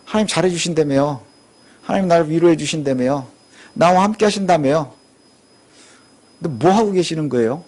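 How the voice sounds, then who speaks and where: A man's voice: fairly high pitch, a little fast, pauses often, darkish tone, voice pushed down, natural voice. A man voicing an aging patriarch who complains bitterly in sulky questions. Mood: resentful.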